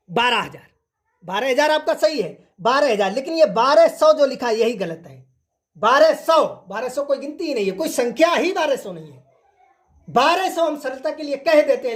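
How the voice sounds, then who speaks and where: A woman teaching an online maths lesson, who repeats each point and keeps asking the class rhetorical questions. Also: high voice. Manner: repetitive, drilling, asks the class rhetorical questions.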